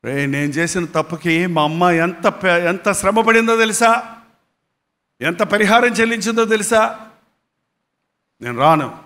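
A man's voice: high voice, expressive, unhurried, pauses often, pushed and bright, full character voice. A man voicing a remorseful young ex-gambler who firmly refuses his old friend, told within a sermon. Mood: resolute. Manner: firm, resolute refusal.

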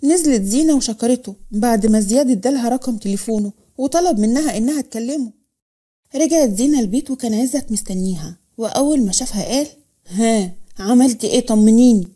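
Fast Egyptian woman storyteller. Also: fairly high pitch, animated, mellow, husky. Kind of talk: scripted story narration.

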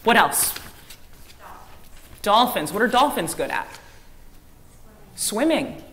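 A woman's voice: medium pitch, slow pace. Woman leading a children's message in church. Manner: lively, coaxing questions to children, repeating their answers. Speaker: director of faith formation giving a children's message. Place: church sanctuary with a choir. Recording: long church reverb, faint room noise.

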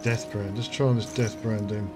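A man's voice: on the low side, fairly even intonation, normal speed. A man hosting his gaming channel, chatting casually as he plays and thinking aloud while he reads out item stats. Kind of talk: casual gameplay commentary. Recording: game music clearly behind voice. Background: game music.

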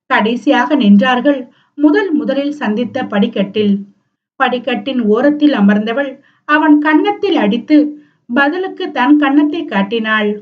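A woman narrates a romance novel aloud in a fairly high voice, telling it expressively. The sound is dull and lo-fi. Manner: expressive storytelling. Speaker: audiobook narrator. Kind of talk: scripted narration. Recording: dull lo-fi recording.

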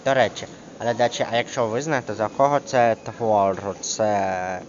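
A man's voice: lowish voice, fairly even intonation. Hesitant man tutoring, lo-fi recording. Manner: hesitant, with many fillers, reads examples slowly. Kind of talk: casual one-on-one grammar lesson. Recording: dull lo-fi screen recording with clear background noise.

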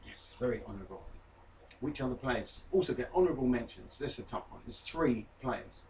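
A man hosts a laid-back podcast quiz, teasing his co-host, his voice bouncing up and down in pitch. He sits a little back from the microphone, with a faint hum of background noise around him. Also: animated, brisk, a little mellow, far from the mic, low-quality recording. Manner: teasing, playful quizmaster. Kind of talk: casual podcast chat.

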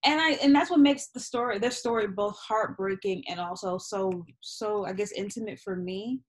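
A mid-range voice at moderate pace belongs to a young poet, a native Yoruba speaker, appearing as an interview guest. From a small room at home, on a laptop webcam video call, she chats casually and reflectively about her writing, animated, gesturing and unafraid to swear.

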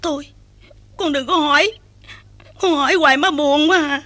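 A woman's voice: high voice, moderate pace, bright, forceful tone. An actress playing a sad young mother who soothes her sick child. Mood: weary. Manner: weary, soothing.

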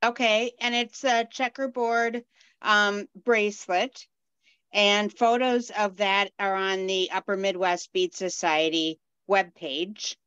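A woman's voice: mid-range voice, steady tone, takes it slowly, fairly bright tone, smooth, no echo. Hesitant woman talking over a phone. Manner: hesitant, many ums and restarts. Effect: speaking over a phone into a video call. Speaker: beading class instructor. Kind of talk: casual group meeting chat. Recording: dull, muffled phone audio.

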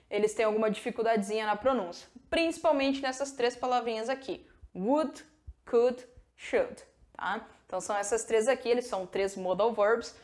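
A woman with a Brazilian Portuguese accent, an English teacher who explains step by step and models English phrases slowly in a pronunciation lesson video. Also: medium pitch.

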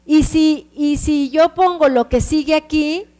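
A woman's voice: sits high, measured pace, warm tone, in a large hall. A woman with a Mexican Spanish accent teaching a computer class, explaining step by step and often checking that the students follow.

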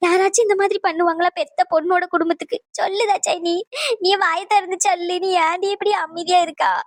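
Lady doing a defensive grown daughter in a cartoon, pleading, very high voice. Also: rapid-fire, no echo, clean studio sound. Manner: pleading, reproachful. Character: devoted middle-aged daughter, pleading and defensive. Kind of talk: cartoon voice acting.

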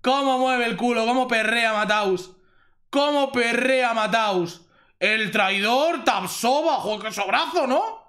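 Excitable high-voiced Spanish gamer. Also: male voice, slow. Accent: Spanish from Spain. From Spain. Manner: excitable, exclaims loudly at good pulls, repeats himself. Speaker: gaming youtuber. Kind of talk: pack opening commentary.

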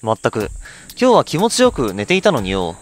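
A man voicing a rough, hot-tempered village father, speaking bluntly while reading game dialogue. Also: mid-range voice, huge pitch swings, fairly quick. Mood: gruff.

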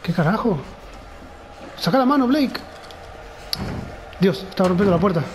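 This horror let's play comes from a male gamer with a Rioplatense Spanish accent, nervously and fearfully muttering to himself. He talks at normal speed in a high-pitched voice with lively intonation. The recording is rough, with a little hiss or hum.

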